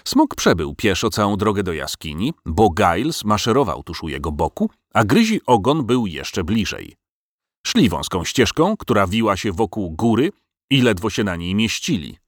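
A man narrating a storybook in an expressive, measured way. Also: lowish voice, dry recording, clean studio sound.

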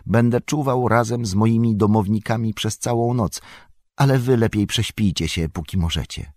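A man voicing an excitable, fussy middle-aged male innkeeper who rambles and frets. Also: lowish voice, normal speed, dry recording, clean studio sound, pitched above the performer's own voice, natural voice. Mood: fretful.

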